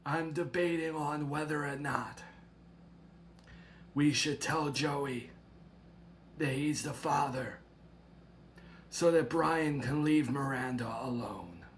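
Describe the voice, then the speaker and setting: A man voicing a stern older grandmother who speaks in a measured, grave and threatening way, in an amateur drama. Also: a little high, a little hiss or hum. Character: stern protective grandmother, older woman, menacing resolve.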